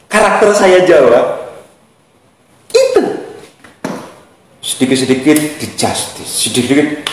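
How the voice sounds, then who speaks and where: Javanese man as a spiritual teacher, lively high voice, emphatic and repetitive, heavy room echo. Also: a little hiss or hum. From Java. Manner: emphatic, repeats key phrases, mixes in Javanese. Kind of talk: teaching talk. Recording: very echoey room.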